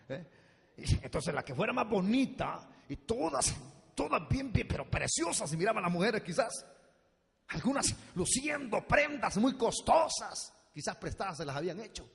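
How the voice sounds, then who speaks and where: A male pastor preaching a sermon in an animated style, swinging from low asides to loud shouts and calling his listeners brother and daughter. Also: measured pace, creaky. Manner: addresses the congregation directly as brother and daughter. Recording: long hall reverb.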